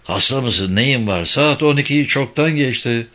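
A man's voice: mid-range voice, expressive, moderate pace, pushed and bright. A man reading an audiobook voices a grumbling man who complains over the phone. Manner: grumpy, complaining.

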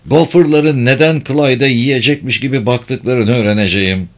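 A man reading the lines of a determined male detective who gives calm, firm orders. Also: medium pitch, normal speed, close to an everyday voice.

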